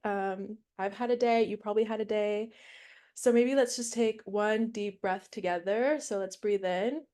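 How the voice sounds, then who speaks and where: A woman from Mexico, a guest instructor, teaches her first online class over a video call. Her mid-range voice is mellow and measured, and she's casual and chatty with fillers.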